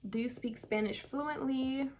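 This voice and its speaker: This woman's voice sits high with a darkish tone, and she talks a little slowly. She's a South Florida beauty vlogger in her twenties, chatty and upbeat as she walks through a hair tutorial, constantly saying "like" and "kinda."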